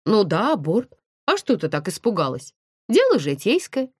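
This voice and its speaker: A woman's voice: mid-range voice, wildly swooping pitch, normal speed, slightly rough, dry recording, clean studio sound. A woman voicing a brash, gossipy young female student who talks bluntly in chatty, teasing slang, as a character voice in an audiobook.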